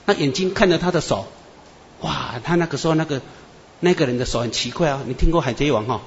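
A man preacher, telling dream testimonies in an animated storytelling sermon. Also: a little high, fast, a little hiss or hum. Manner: animated storyteller, many "啊" and "哈" tags. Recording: echoey muffled hall with faint ambience.

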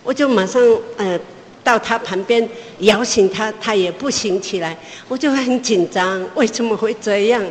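A mother recounting a personal testimony, stopping and restarting, her voice rising as the tension returns. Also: slight background noise. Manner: pauses and restarts, pitch climbs as she relives the tension. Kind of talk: emotional spoken testimony. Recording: long hall reverb.

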